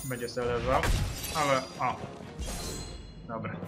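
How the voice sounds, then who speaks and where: Guy doing casual gameplay commentary, medium pitch, mutters and swears, game music behind. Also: fairly even intonation, a little slow. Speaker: gamer.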